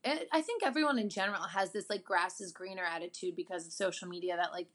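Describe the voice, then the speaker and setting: A woman's voice: fairly low pitch, fast, fairly bright tone. A young woman hosting a podcast, chatting candidly with casual slang. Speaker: podcast host. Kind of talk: casual interview chat.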